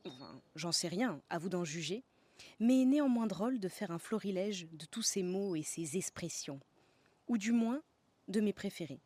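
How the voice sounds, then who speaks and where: A woman's voice: medium pitch, mellow, no echo. A woman from the south of France, narrating a scripted podcast as host in a playful way, savouring slang words.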